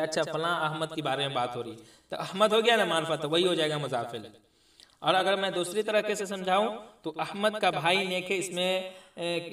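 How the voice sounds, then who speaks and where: A man's voice: sits high, a bit bright, recorded from a distance. Man teaching a grammar lesson in an echoey room. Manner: explains patiently, quizzes listeners with repeated questions. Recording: echoey room, voice somewhat off-mic.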